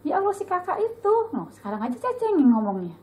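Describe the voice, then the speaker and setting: High-voiced chatty woman teaching a group. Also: fast, low-quality recording. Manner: lively, chatty, acts out dialogue with sudden high pitch. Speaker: religious teacher at a women's study group. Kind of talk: casual religious talk to an audience.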